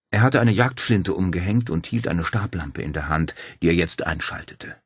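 A man narrating a novel as an audiobook, reading with lively storytelling. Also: sits low, husky, dry recording, clean studio sound.

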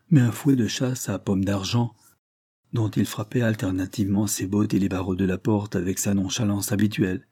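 A man narrating an audiobook of a Victorian novel in a measured, steady way. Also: on the low side, slightly rough, dry recording, studio quality.

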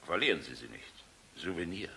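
Gravelly, weary German general. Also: male voice, low-pitched, sing-song, fairly quick, sharp tone, a little hiss or hum, exaggerated voice. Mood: hearty, fatherly. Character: weary, proud, sardonic middle-aged air force general. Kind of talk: German radio play acting.

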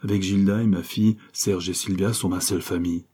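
A man reading a first-person crime novel aloud, expressive and voicing the dialogue himself. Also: low voice, brisk, husky. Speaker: audiobook narrator.

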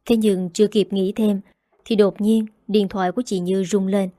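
A woman reading a first-person romance audiobook in a steady, even way. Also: medium pitch, moderate pace, no room sound, clean studio sound. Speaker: narrator.

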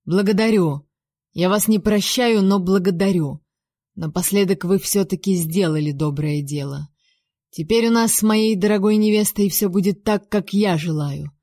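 A woman voicing a domineering, sly male ruler who coaxes softly with menace and barks when angry. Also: mid-range voice, normal speed, close to an everyday voice. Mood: silky, menacing. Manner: soft coaxing menace, barking when angry.

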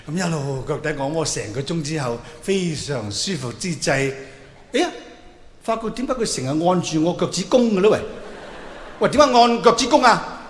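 A man with a slightly high voice, lively intonation, and a Hong Kong Cantonese accent talks at normal speed. The stand-up comedian tells a theatrical, exclamatory story to a live audience in a large hall, acting out dialogue. The echoey recording has noticeable reverb and faint noise.

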